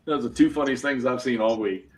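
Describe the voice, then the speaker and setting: A man's voice: mid-range voice, quick pace, a little mellow, a little hiss or hum. A man in his fifties chatting casually with friends, telling long stories and laughing at his own jokes. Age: 50s. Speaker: tabletop gaming group member. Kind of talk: casual chat.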